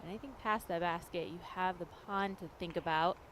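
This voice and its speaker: A woman's voice: fairly low pitch, a little fast, a little hiss or hum. A woman giving explanatory, analytical sports commentary. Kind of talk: disc golf commentary.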